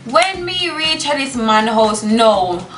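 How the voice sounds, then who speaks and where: A roomy, echoey recording with music behind a young woman telling a casual story. She has a strong Jamaican accent and slips into Patois, in a high, bright, forceful voice. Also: very animated, slow pace. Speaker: storytime vlogger.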